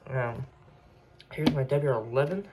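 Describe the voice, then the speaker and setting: A hobbyist collector does an unscripted show-and-tell, rambling casually and halting to correct himself. His voice sits at medium pitch, with noise in the background.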